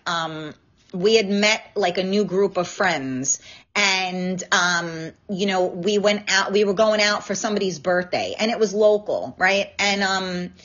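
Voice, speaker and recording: A woman hosting a casual live-stream chat, frank and animated, swearing freely as she tells stories. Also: medium pitch, muffled recording. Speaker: talk show host.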